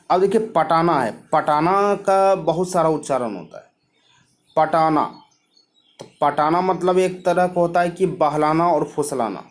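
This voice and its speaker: Man teaching by quiz. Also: a little high. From Bihar, India. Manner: repetitive, quizzing himself with questions and answers. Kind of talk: mnemonic geography lesson.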